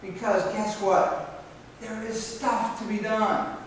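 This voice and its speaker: Slow-spoken pastor in an echoey church. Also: male voice, high voice, level tone, a little hiss or hum. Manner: conversational, with fillers and restarts. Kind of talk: sermon. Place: church sanctuary. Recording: echoey church hall from far off.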